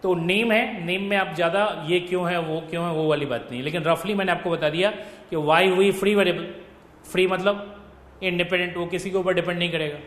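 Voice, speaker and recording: Dictating notes during a classroom lecture, a male economics tutor checks with his students in a high-pitched, slightly bright voice at a fairly quick pace. The room echoes and carries a faint noise.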